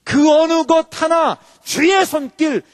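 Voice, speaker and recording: An associate pastor in his forties speaks slowly in an extremely high voice, preaching a sermon emphatically and asking rhetorical questions in the church sanctuary. The studio-quality audio carries the long reverb of a church hall.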